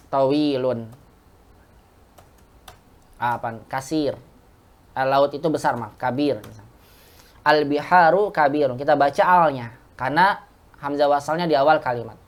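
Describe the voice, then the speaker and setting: A woman teaching an Arabic lesson to a class, explaining step by step and asking the class questions. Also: low voice. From Indonesia. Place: mosque classroom.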